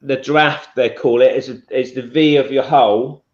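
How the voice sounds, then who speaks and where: A man from Scotland with a London, Estuary-style accent, chatting casually and explaining things in a halting, self-correcting way. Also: mid-range voice, steady tone. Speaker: live streamer. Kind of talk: casual chat. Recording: dull lo-fi live-stream audio.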